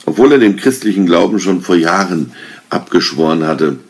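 A man reading a Christmas story aloud in a measured, calm storytelling manner. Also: sits low. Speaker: reader.

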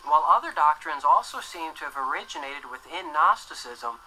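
A young man presenting scripted documentary narration in a measured, earnest way on a dim indoor set. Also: a little high, lively intonation, pushed and bright, slight background noise, poor audio. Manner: measured, earnest, gestures while explaining.

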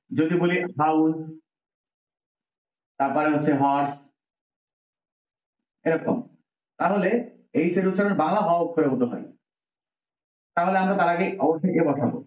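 A man from Bangladesh teaching an English grammar lesson, explaining step by step and asking his listeners questions. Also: on the high side. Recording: echoey room, dull lo-fi sound.

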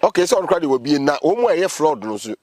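A Ghanaian man in his thirties interviewing conversationally, putting his questions in a halting way. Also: a little high, very animated, darkish tone, dry recording, studio quality. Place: outdoors among trees.

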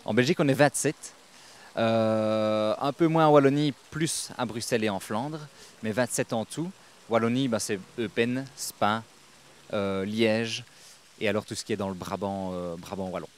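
Low-voiced young businessman. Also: normal speed, a little hiss or hum. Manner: businesslike, hesitant with fillers. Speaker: real estate agent. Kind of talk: interview answers. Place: outdoors on a lawn. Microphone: interviewer's handheld microphone.

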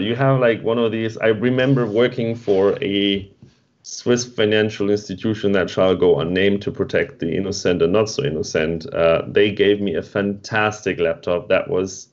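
A man's voice: on the low side, animated, moderate pace, darkish tone. A man co-hosting an online meetup stream, chatting casually and rambling as he reads and answers the chat. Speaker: meetup co-host. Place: home. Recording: dull lo-fi stream audio.

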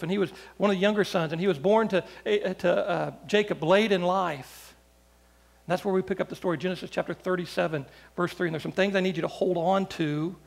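A man's voice: high voice, vocal fry. A male pastor preaching a sermon, telling stories in a loose, conversational way with frequent restarts. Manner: storytelling with repeated restarts.

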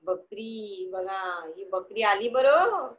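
A woman's voice: mid-range voice, expressive, extremely slow, muffled recording. A woman teaching young children in an online class, asking the class questions and answering them herself in a sing-song, coaxing way.

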